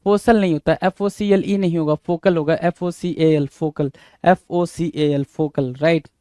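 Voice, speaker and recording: Man, exam spelling teacher, repetitive rhetorical questions, high pitch, dry close sound. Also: steady tone, moderate pace, warm tone, no echo. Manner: repetitive, rhetorical questions, calls students "bhai". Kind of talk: exam prep lesson, spelling out words letter by letter.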